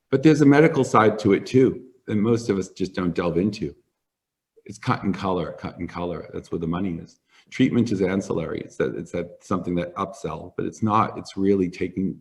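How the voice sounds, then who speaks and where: A middle-aged man, a hair stylist and formulator, talking in a sit-down interview and telling animated stories with acted-out quotes. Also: on the low side. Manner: animated storyteller, acts out quoted voices.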